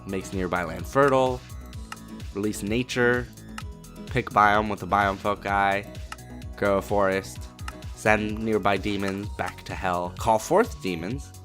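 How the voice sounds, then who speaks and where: A man hosting a video game let's play, commenting in a profane, excitable and jokey way. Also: on the low side, measured pace, soft background music.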